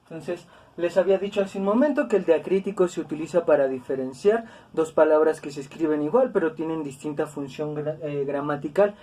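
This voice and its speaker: A woman's voice: low-pitched, brisk, few pauses, dark tone, recorded from a distance. A woman teaching a grammar lesson, patient and repetitive, with tag questions and fillers. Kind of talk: explanatory lesson.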